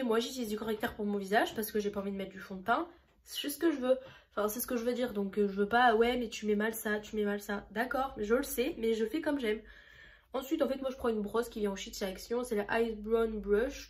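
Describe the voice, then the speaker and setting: A young woman chatting casually and a little rambly while doing her makeup for a vlog tutorial. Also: fairly high pitch. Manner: chatty, rambling, self-deprecating. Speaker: beauty vlogger.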